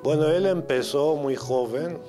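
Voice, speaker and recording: A man's voice: a little high, measured pace, over music. A man giving an unscripted explanation as an interviewed expert.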